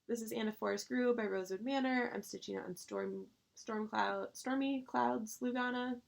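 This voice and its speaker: A woman chatting casually to her viewers about her stitching, gushing with excitable bursts and rambling restarts. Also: medium pitch, vocal fry. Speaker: cross-stitch vlogger.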